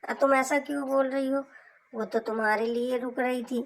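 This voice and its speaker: A woman voicing a gentle middle-aged mother who mildly scolds her daughter in a homemade family drama skit. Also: high voice, fairly even intonation, normal speed, low-quality recording. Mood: mildly scolding.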